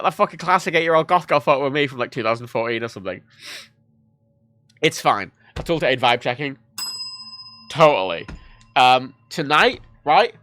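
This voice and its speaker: A drunk male streamer, born in Ireland and raised in England, rambling loosely and cursing freely. His voice is bright and sharp, with a pitch that swoops up and down all the time. The sound is dry and close, with no room around it. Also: no room sound. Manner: self-deprecating, swears a lot, rambling. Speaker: livestreamer. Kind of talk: casual rambling stream chat.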